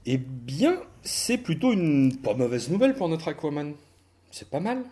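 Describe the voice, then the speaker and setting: Animated, swearing podcast host man. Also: on the high side, measured pace. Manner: animated, swears freely, self-mocking. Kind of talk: casual podcast chat.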